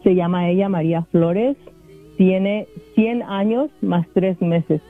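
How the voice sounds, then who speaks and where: An older woman calling in over a poor-quality phone connection, speaking earnestly and haltingly, with frequent restarts. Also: steady tone, faint music behind. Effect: poor-connection phone line. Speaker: caller. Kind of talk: call-in phone chat. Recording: tinny, low-quality phone line.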